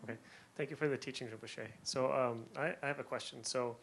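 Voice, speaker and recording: A man's voice: medium pitch, fairly even intonation, brisk, creaky, a bit bright, a little hiss or hum, rough recording. A man in the audience asking a teacher a question, hesitant and full of fillers.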